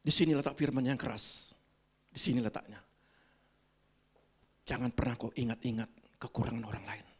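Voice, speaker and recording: A woman pastor preaching a Sunday sermon in church, swinging between loud exclamations and soft near-whispers and calling out to the congregation. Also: very deep voice, normal speed, breathy edge. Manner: calls out to the congregation. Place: church service.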